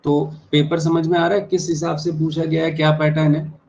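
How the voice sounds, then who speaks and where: Man tutoring in a flat, level tone. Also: on the high side, vocal fry. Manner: repeats key terms slowly, spells words out letter by letter. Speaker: English exam tutor. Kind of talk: explaining exam answers to students. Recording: dull lo-fi sound with faint noise.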